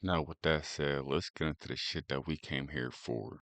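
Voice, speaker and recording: A man's voice: very deep voice, moderate pace, a bit bright. A man hosting a reaction video, talking loosely and swearing casually. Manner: loose, profane, laid-back.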